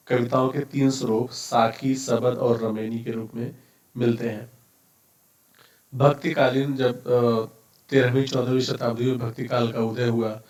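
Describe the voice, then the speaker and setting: A man's voice: mid-range voice, a little mellow. A male teacher giving a classroom lecture, explaining each term step by step and restarting words to correct himself. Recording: roomy, mic at a distance.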